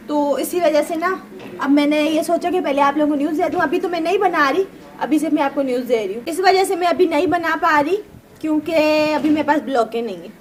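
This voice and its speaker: ऊँची आवाज़ वाली पाकिस्तानी गाँव की व्लॉगर औरत. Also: female voice, high voice, a little hiss or hum. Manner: chatty, keeps asking "right?"; animated, re-enacts arguments. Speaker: village vlogger. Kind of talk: casual vlog chat to viewers. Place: outdoors at a village house courtyard.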